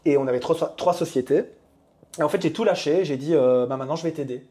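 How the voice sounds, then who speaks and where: This man in his thirties from Belgium has a fairly high, warm voice. A coach appearing as an interview guest in a relaxed setting, he speaks quickly and confides openly.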